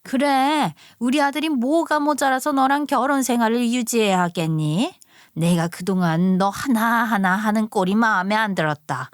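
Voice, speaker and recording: A domineering older mother-in-law, put on by a woman, snapping out contemptuous orders in a radio story drama. Her voice sits a little high and is recorded dry and close, with no room around it. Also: moderate pace, dry recording, close to an everyday voice. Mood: scornful. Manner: scolding, bossy and scornful.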